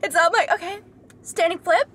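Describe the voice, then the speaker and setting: A young woman reacting to a talent show from inside a parked car, chatting casually in a bubbly, excitable way. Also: very high-pitched, brisk, slight background noise. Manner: bubbly, excitable, with sudden squeals and laughs. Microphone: camera mounted facing her.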